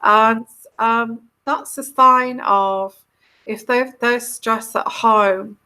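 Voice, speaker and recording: Slow, bright-voiced English woman. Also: a little high, fairly even intonation, clear, resonant tone. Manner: rambling, reflective, often trailing off. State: run down and tired. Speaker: tarot reader hosting a live chat. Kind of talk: casual live-stream chat.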